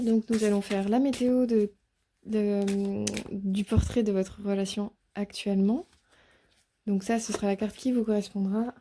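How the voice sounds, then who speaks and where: Very dark, flat-voiced woman reading tarot. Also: medium pitch, a little hiss or hum. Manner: hesitant, many fillers and restarts, soft and gentle. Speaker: tarot reader. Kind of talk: casual spoken tarot reading to viewers.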